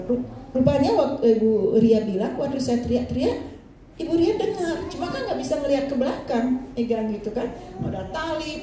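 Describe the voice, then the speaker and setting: A woman's voice: sits high, far from the mic, noisy background. Older woman pastor in an echoing hall. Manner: chatty, keeps addressing the congregation. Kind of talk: storytelling sermon. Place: church hall. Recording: roomy echo, voice from off-mic.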